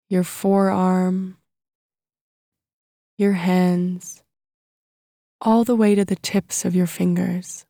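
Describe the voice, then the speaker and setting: Female meditation narrator: soft, relaxed and soothing, slow phrasing with long pauses, very dry close sound. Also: mid-range voice, no echo. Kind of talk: guided body-scan meditation narration.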